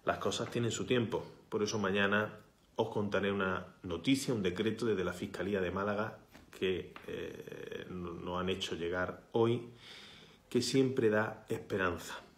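A man's voice: fairly low pitch, steady tone, a little slow. A man, a healthcare worker making an impassioned protest appeal straight to his phone camera, fiery and emphatic, sometimes dropping to a whisper for stress. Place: small indoor room, bright window behind. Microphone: phone camera at arm's length. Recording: echoey room.

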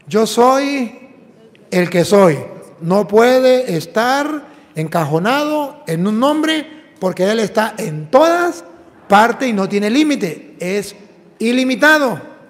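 A priest with a high, bright male voice preaches in a preaching and apologetics dialogue, hammering home each point with emphatic explanations and rhetorical questions. The surrounding church gives his words a long, reverberant tail.

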